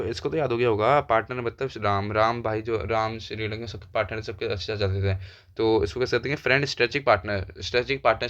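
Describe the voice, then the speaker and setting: A man's voice: mid-range voice, fairly bright tone. Young man repeating keywords, lo-fi sound. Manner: thinks aloud, repeats keywords over and over. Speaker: exam coaching teacher. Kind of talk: casual exam-prep lesson. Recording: dull lo-fi sound.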